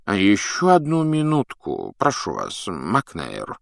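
A man's voice: on the low side, huge pitch swings, takes it slowly, vocal fry, no room sound, studio quality, full character voice. Dumbledore, a man doing a wry old wizard. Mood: courteous. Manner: wry, courteous. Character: old wizard headmaster, calm and gently mocking.

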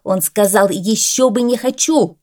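A woman voicing a bossy, hot-tempered male cat who coaches a dog, shouting indignantly in a storybook reading. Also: mid-range voice, big pitch swings, a little slow, pitched above the performer's own voice.

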